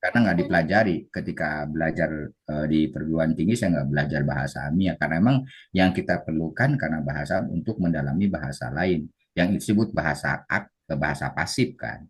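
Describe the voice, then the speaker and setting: A man from West Java, giving an animated Arabic teacher-training lecture over a video call. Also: very deep voice, a little fast, breathy edge. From West Java, Indonesia. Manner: animated, acts out students' voices. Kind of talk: online class lecture.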